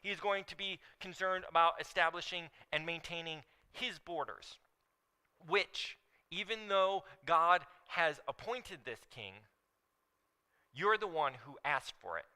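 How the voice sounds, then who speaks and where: A man's voice: a little high, animated, measured pace, pushed and bright, clear, resonant tone, rough recording. A man preaching a sermon in a church, explaining scripture and leaning hard on key words. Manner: emphatic, stresses key words while teaching. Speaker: pastor. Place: church sanctuary.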